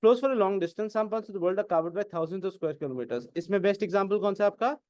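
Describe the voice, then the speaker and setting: Indian guy teaching exam prep, high voice, slow and drawn out, keeps asking "is it clear", dry close sound. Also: darkish tone, dry recording. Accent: Indian English. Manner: keeps asking "is it clear?", questions and answers his own prompts. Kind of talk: classroom lecture in Hindi-English mix.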